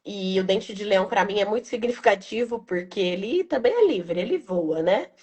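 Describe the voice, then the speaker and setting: A young adult woman, a business owner, talking in a casual, reflective and emotional way, tagging her phrases with quick questions. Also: mid-range voice, expressive, darkish tone. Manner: reflective, emotional, frequent "né" tags. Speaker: business owner interviewed about her brand. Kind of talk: casual heartfelt testimonial.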